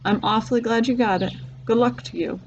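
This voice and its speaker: A woman voicing a kindly, gruff male shopkeeper in a storybook. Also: fairly high pitch, steady tone, a little fast, muffled recording, slight background noise, lightly acted. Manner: firm, kindly.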